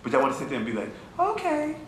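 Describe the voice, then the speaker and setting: A man teaching an informal class to a small audience. He talks in an animated, mocking way and keeps asking his listeners "you feel me?". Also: medium pitch, racing. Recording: echoey room with faint ambient noise.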